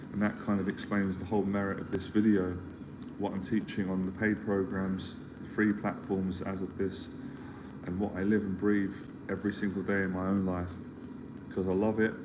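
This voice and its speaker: A man with a low-sitting voice gives a casual motivational live stream talk as a life mentor. He's earnest and rambling, repeating himself as he searches for words, and the recording is clear with background ambience noise.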